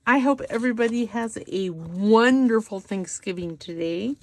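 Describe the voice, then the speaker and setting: A woman's voice: mid-range voice, moderate pace. A middle-aged woman hosting a casual craft tutorial, chatting and making self-deprecating asides as she works at her table. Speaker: craft channel host.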